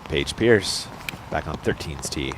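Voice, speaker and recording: A man's voice: a bass voice, lively intonation, slow. A man calling disc golf play-by-play like a golf commentator, in short clipped phrases over outdoor noise. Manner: clipped, telegraphic calls in golf commentator manner.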